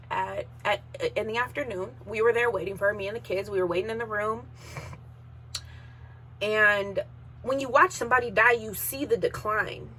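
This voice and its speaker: A woman in her thirties shares a painful personal story on her podcast, her voice bright and forward. She talks in an emotional, unpolished way and at times holds back tears. A faint hum sits under the recording. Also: mid-range voice. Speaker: podcast host.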